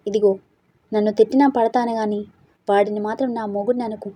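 A woman's voice: mid-range voice, fairly even intonation, brisk, warm tone, natural voice. Woman doing a chatty joking young man. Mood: teasing. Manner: teasing, chatty.

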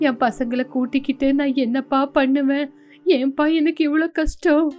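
A woman voicing an older, fretful mother-in-law in an animated story, sharp and scolding. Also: sits high, normal speed, soft background music, lightly acted. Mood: lamenting.

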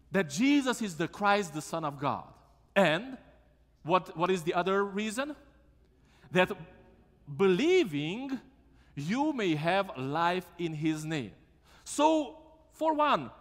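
Animated pastor preaching. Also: male voice, high voice. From Romania. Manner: lively, asks the congregation questions. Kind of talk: sermon. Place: church sanctuary. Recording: long church reverb.

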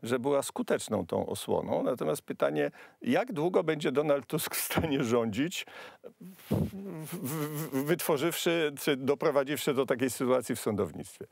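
A middle-aged man leads a studio political panel, pressing his points with emphatic opinions. His voice carries a gravelly rasp, and the sound is dry and close-miked. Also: mid-range voice, animated, moderate pace, no echo. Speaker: political talk show host. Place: studio set with armchairs.

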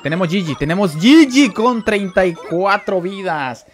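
Commentating a live game stream, a young man with a Mexican Spanish accent speaks in a slightly high voice at a measured pace. He greets viewers, chats easily, and lets out excitable exclamations while game music plays faintly behind him.

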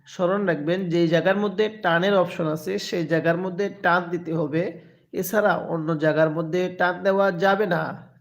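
A man teaching Quran recitation, drawing out each phrase slowly and having listeners repeat after him, then explaining in quick bursts. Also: sits high, fairly even intonation, vocal fry. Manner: drawn-out slow recitation between quick explanations. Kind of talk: recitation lesson, call and repeat. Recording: muffled lo-fi recording.

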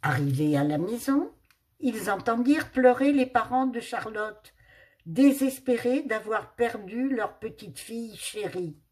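Woman slowly reading a children's story. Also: a little high. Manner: expressive, unhurried storytelling.

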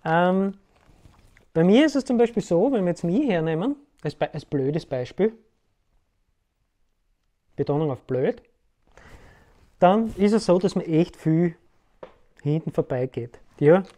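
This male self-help host has a high, dark-toned voice with lively intonation, speaking a little slowly and leaving long pauses. Talking casually to camera, he rambles loosely through his ideas and keeps checking in with "ja?".

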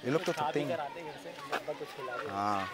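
A young man from Pakistan filming a joking vlog outdoors, excitable and often shouting at the kids around him. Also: on the high side, unhurried, some chatter behind. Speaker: vlogger. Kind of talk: casual vlog commentary. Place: outdoors on a busy street.

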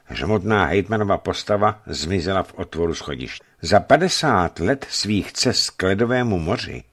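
Deep-voiced male audiobook narrator. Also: animated, fairly bright tone.

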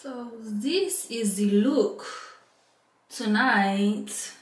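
A woman's voice: a little high, extremely slow, recorded from a distance. A young woman vlogger chatting casually in a sassy, playful, slangy way as she gets ready for a night out. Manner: sassy, playful, slangy, peppering talk with "honey". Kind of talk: casual vlog chat while getting ready to go out. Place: small bathroom, indoors. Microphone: camera a step away or handheld. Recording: echoey bathroom, faint background noise.

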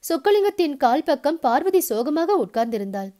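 High-voiced woman reading a story. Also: very animated, brisk, warm tone. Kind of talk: reading a novel aloud.

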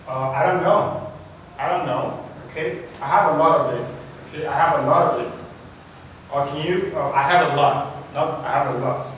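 A man's voice: fairly high pitch, a little hiss or hum. A man from Togo teaching English pronunciation in French, patient and repetitive, often checking with "ok?". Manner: patient, repeats words and asks "ok?". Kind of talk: classroom lesson explaining pronunciation. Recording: very echoey room, mic at a distance.

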